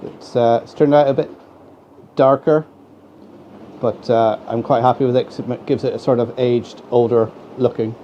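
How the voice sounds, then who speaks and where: An Irish man with a stuffy head cold hosts a live stream from his home model railway room, chatting casually and greeting viewers by name. His medium-pitched voice has fairly even intonation at a moderate pace, picked up by a dull, slightly lo-fi home mic with faint noise.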